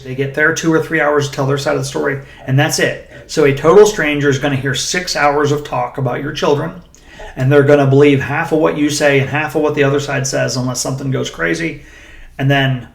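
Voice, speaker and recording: A man's voice: a little high, creaky, roomy sound. A man, an attorney explaining a legal process in a plain-spoken, reassuring way, stressing key words. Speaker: family law attorney. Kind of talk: explainer video to camera.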